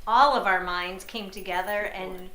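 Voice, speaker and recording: A woman's voice: mid-range voice, steady tone, unhurried, a bit bright. A woman chatting casually and unscripted about her own workspace, as the client being helped. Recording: echoey room with clear background noise.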